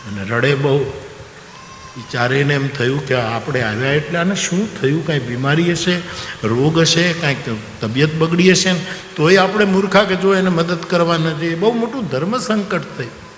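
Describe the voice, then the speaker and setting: A man tells a devotional story in a folksy, animated way. His voice is somewhat high for a man and echoes through a roomy hall with a long reverb. A faint background hum sits under it. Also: moderate pace. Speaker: religious storyteller.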